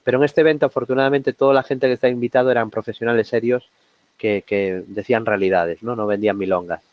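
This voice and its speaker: A man from Spain with a sore throat presents a trading seminar in a halting, conversational way. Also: medium pitch, steady tone, dry recording, highs cut off. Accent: Spain Spanish. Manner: hesitant, many fillers and restarts, conversational. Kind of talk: live market analysis webinar.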